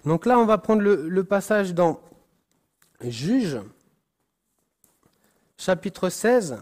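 Slow, high-voiced man reading scripture. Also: sing-song, a little mellow. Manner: slow, deliberate reading with frequent restarts and apologies. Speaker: preacher. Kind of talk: Bible reading with commentary.

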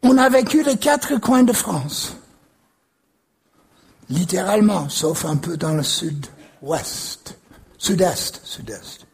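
A man preaching a sermon and telling a story, leaning into repeated words with animated emphasis. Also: high-pitched, slow pace, creaky, long pauses, husky. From United States.

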